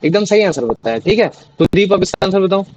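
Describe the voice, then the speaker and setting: High-voiced young male tutor. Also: expressive, quick pace, darkish tone, muffled recording, a little hiss or hum. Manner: explains with many fillers and restarts. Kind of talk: online class teaching in Hindi.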